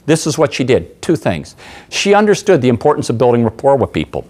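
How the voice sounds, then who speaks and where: Animated man telling stories at a seminar. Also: medium pitch, a little fast. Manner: animated storyteller, acts out voices, asks the audience. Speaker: sales trainer. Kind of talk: seminar talk with acted anecdotes. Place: room with an audience.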